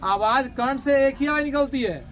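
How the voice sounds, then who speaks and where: A man's voice: very high-pitched, moderate pace, fairly bright tone, slight background noise. A man teaching a grammar lesson to a class, asking the students questions and answering them himself, and drawing out letters as he sounds them. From India.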